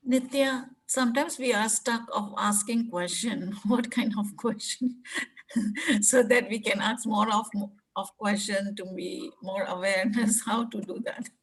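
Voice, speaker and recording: Husky-voiced woman asking haltingly. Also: mid-range voice, fairly even intonation, rough recording. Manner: halting, laughs between words. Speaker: participant asking a question. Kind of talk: casual question on a group call.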